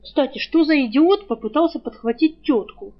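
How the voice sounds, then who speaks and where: A woman's voice: sits high, lively intonation, normal speed, voice pushed up. A woman voicing a sardonic young foreign man in an audiobook, dry and teasing in his manner. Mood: mocking. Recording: dull lo-fi recording.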